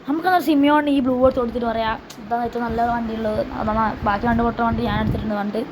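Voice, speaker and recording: A woman's voice: a little high, steady tone, very fast, a little hiss or hum. A woman hosting a gaming channel, chatting casually through her gameplay and often repeating herself. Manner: chatty, repeats herself, slangy address to viewers.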